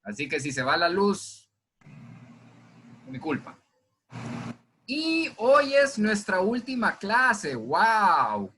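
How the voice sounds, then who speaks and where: A man teaching a zoology class by video from home, talking to his students in a relaxed, conversational way and answering his own questions. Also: high voice, slightly rough. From Honduras. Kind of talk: recorded online class lecture. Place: indoors at home during heavy rain. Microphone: computer microphone.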